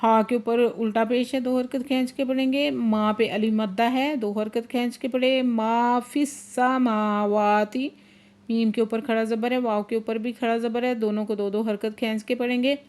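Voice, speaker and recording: A woman teaching Quran recitation, chanting verses slowly and drawn out, then explaining the rules briskly. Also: on the high side, level tone, a little mellow. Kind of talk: tajweed lesson, slow chanted recitation then quick explanation.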